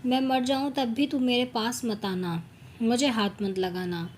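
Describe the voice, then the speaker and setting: Woman voicing elderly mother-in-law, harsh, scolding, stubborn, storybook reading, higher voice. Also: fairly even intonation, measured pace, darkish tone, a little hiss or hum, close to an everyday voice.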